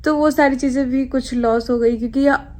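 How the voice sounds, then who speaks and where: A young adult woman vlogger chatting casually to her viewers, rambling and pausing often to search for words. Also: sits high, fairly even intonation, darkish tone. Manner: chatty, rambling, with frequent hesitations. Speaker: lifestyle vlogger. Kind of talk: casual chat to camera.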